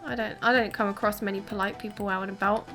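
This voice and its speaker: A young woman chatting casually while playing a game, emphatic and quick to act out what people say. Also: mid-range voice, fairly even intonation, music in the background. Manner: chatty, emphatic, acts out quotes. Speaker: co-host. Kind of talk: casual chat while gaming.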